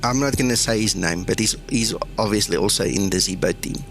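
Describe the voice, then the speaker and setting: A man's voice: lowish voice, fairly quick, soft background music. A man from South Africa with an Afrikaans accent, chatting casually as the host of a flight sim livestream.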